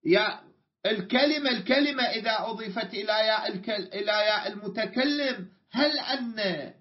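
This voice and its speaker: A man's voice: sits high, moderate pace, muffled recording. A man with an Iraqi Arabic accent teaching an Arabic grammar class, drawing out and repeating key words and quizzing his students. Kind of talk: classroom lecture.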